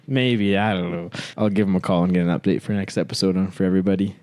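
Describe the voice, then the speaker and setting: A man's voice: sits low, steady tone, fast, darkish tone, no room sound. A man, co-hosting a casual podcast chat, rambling and full of "like". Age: 20s. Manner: rambling, heavy use of "like", laughs easily. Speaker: podcast co-host.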